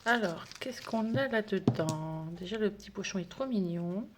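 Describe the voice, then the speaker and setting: A woman chatting casually through an unboxing for a budgeting vlog, gushing over small items with many fillers and sometimes dropping to a soft whisper. She sounds tired. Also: mid-range voice, expressive, normal speed, background noise. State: tired, trembling hands. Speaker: budgeting vlogger.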